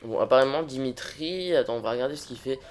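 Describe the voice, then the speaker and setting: A man's voice: medium pitch, fast talker. A man hosting a let's play, chatting informally and a little hesitantly to viewers as he improvises gameplay commentary.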